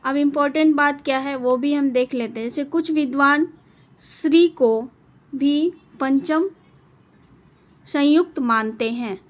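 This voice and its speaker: A woman giving a Hindi grammar lesson, spelling out each letter slowly and deliberately. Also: sits high. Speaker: teacher.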